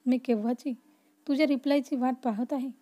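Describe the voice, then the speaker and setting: Lively young woman in a family story, high and mellow, as the narrator voices her. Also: a little fast.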